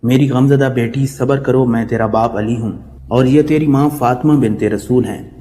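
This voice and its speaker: A man voicing the spirit of a departed father gently consoling his grieving daughter, in a reverberant recording with music behind. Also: mid-range voice, slight background noise, natural voice. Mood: reassuring. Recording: long reverb with background music.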